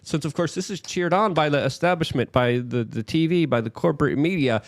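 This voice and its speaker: A man's voice: a little high, brisk, no room sound. Male host, emphatic and restart-prone, dry close sound, political commentary. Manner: emphatic, repeats words while building points. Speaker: show host.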